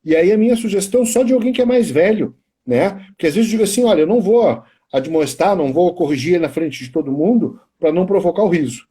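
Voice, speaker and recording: Husky, mellow Brazilian male teacher. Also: high voice, animated, quick pace, few pauses. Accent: Brazilian Portuguese. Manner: storytelling, rambling with restarts and "né?". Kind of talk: casual chat on a live stream.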